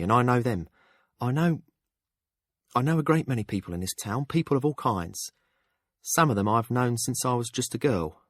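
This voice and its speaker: A man's voice: mid-range voice, no room sound, studio quality, pitched above the performer's own voice, lightly acted. A man voicing a blunt, shrewd middle-aged townswoman who reads palms, speaking frankly in an audiobook. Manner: frank and sharp-tongued. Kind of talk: audiobook character voice.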